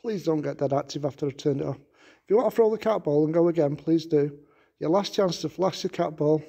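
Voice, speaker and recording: This paranormal investigator, speaking with a Manchester accent, coaxes a spirit in a stone castle room at night, staying polite and repeating "please." His voice is a little high, creaky, dark and husky, and he talks fairly quickly.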